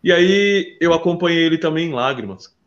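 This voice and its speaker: A man, a street artist, telling his story earnestly in an interview, jumping between lively bursts and soft, quiet asides. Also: on the high side, fairly quick, highs cut off. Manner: earnest, calls the listener "my brother". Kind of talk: animated personal storytelling.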